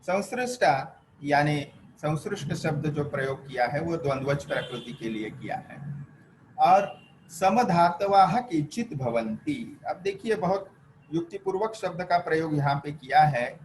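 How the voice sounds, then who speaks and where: A man giving an unhurried lecture, reciting verses and then explaining them. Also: on the high side, expressive, a little hiss or hum, rough recording. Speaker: Ayurveda teacher. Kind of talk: classroom lecture.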